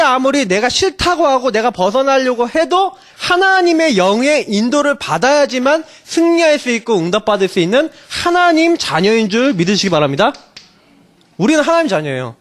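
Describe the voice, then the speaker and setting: High-voiced, animated male pastor preaching. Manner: animated preaching with many rhetorical questions; casual and personal, telling stories from his own family. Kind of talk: sermon.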